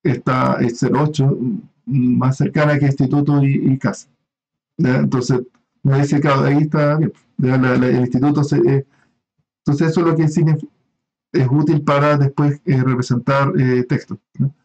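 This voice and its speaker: A man's voice: medium pitch, little pitch movement, normal speed, gravelly, a little mellow, muffled recording. A man giving a recorded online class, explaining step by step with frequent fillers and checking in with his students. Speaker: university lecturer.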